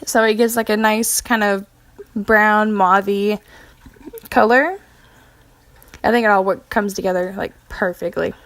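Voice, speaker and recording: A young woman talks through her makeup routine like she is chatting with a friend. She is casual and informal, slips in fillers, and corrects herself now and then. She has the hiccups, and her voice sits at an ordinary middle pitch. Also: steady tone, unhurried, pauses often, fairly bright tone. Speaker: beauty vlogger. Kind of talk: casual makeup tutorial narration.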